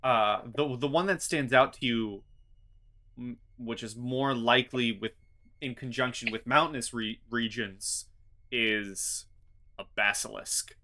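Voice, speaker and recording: A man running a tabletop fantasy game as game master, narrating in a halting way as he thinks aloud. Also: mid-range voice, sharp tone.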